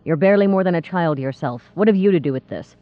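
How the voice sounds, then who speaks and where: A hard, scornful criminal man who sneers at a young mage, as a woman reader puts him on. He speaks fast and loud, with an odd, altered tone, over a thin dry line. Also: lowish voice, lively intonation, natural voice. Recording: tinny phone-like dry sound.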